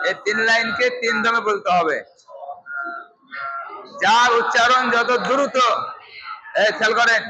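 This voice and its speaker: A man's voice: very high-pitched, background noise. A man teaching a Quran class, instructive, repeating points and quizzing his students. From Bangladesh. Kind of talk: teaching a class, drilling letters.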